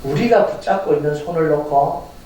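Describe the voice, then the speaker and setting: Male pastor, high and animated, preaching in a very echoey sanctuary. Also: brisk, a little hiss or hum. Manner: animated, talks straight to the congregation with rhetorical questions; chuckles through his points. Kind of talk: Sunday sermon. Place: church sanctuary. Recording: echoey hall heard from a distance.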